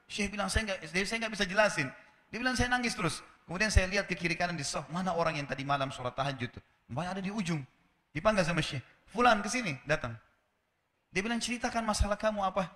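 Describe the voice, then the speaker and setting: A male preacher with a bright, higher-pitched voice tells a story in his sermon. He acts out the dialogue and turns to his listeners with rhetorical questions. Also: quick pace, in a large hall. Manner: animated storytelling, acting out dialogue with rising pitch.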